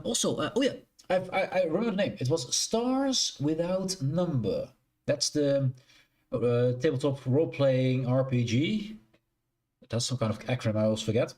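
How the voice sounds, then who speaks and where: Young Dutch streamer, Dutch accent, mid pitch with lively swings, rambling casual chat. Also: male voice. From Netherlands. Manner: rambling, self-correcting, answers chat. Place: shared living room, indoors.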